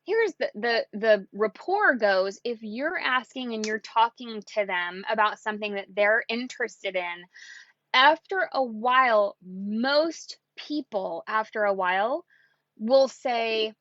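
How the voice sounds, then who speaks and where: A woman giving casual sales coaching in an excitable, chatty way. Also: fairly high pitch, slow, no room sound, dull audio. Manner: excitable and chatty, acts out quotes. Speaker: network marketing coach.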